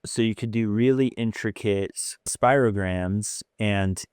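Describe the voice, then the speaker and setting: A man's voice: on the low side, measured pace, darkish tone, clear, resonant tone, no room sound, clean studio sound. A man hosting an interview podcast, chatty and enthusiastic as he asks questions and shares memories. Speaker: podcast host.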